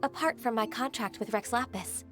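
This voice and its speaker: A woman voicing a gentle, dutiful young secretary in a game, soft-spoken and formal. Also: on the high side, moderate pace, faint music behind, lightly acted.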